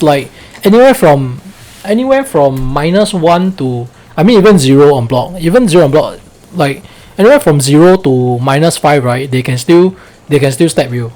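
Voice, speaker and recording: A man's voice: on the high side, a little mellow. A man with a Singlish accent, coaching a fighting game in a casual, colloquial way and often checking with "right?".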